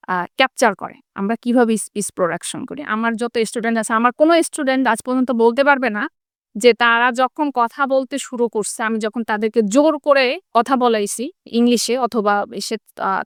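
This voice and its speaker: Smooth-voiced woman teacher. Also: fairly high pitch, no echo, studio quality. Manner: asks rhetorical questions, checks in with tag questions. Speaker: English teacher. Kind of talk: explanatory interview talk.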